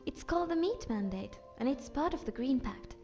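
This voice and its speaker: A woman voicing a polite, curious young wood elf archer, measured and courteous, as game companion dialogue. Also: high voice, lively intonation, mellow, highs cut off, faint music behind. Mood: matter-of-fact.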